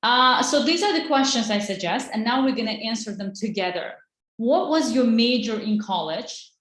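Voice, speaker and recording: A woman's voice: fairly high pitch, animated, normal speed, fairly bright tone, echoey room. A woman, teaching an online English lesson in an encouraging way. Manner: encouraging, switches between English and Azerbaijani.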